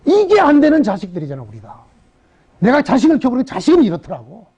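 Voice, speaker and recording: A middle-aged male pastor preaching a sermon in an animated way, firing rhetorical questions at the congregation and acting out voices. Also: high-pitched, fast, slightly rough. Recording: dull, muffled sermon recording.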